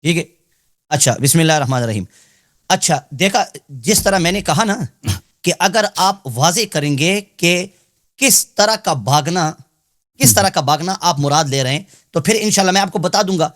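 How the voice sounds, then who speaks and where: Measured male cleric in a debate. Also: a little high, expressive, fairly bright tone, dry recording, clean studio sound. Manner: deliberate, repeats "theek hai?" to check agreement. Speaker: guest debater, Sunni cleric. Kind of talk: heated live debate.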